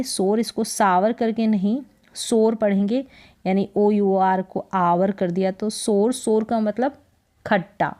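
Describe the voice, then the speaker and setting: A woman's voice: medium pitch, dark tone. A woman teaching English vocabulary and pronunciation in Hindi, patiently repeating each word and asking the listener what it is. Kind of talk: slow Hindi-medium spelling lesson.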